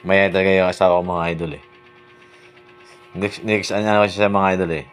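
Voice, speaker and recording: Low-voiced teasing Filipino vlogger man. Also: little pitch movement, slight background noise. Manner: teasing, playful, repeats "guys" and "idol"; sing-song drawn-out calling. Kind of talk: casual home vlog. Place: inside a home.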